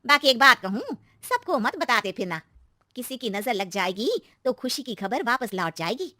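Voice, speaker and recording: A superstitious middle-aged aunty from a cartoon story, voiced by a woman, always quietly warning others. The voice sits high and bright, and it is recorded close and dry. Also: animated, moderate pace, dry recording. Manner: warning, knowing tone.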